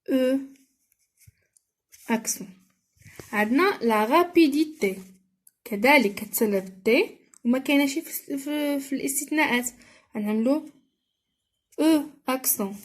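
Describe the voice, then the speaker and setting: A woman with a Moroccan accent, explaining a French lesson and reading sentences slowly and carefully, as in a dictation. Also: a little high, darkish tone. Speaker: teacher.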